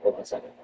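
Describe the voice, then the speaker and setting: A man hosting a comedy show, riffing sarcastically on news items and jumping into high mock-outraged squeals. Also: dull audio. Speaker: comedy podcast host. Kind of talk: comedic news riff with retakes. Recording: distant mic with background noise.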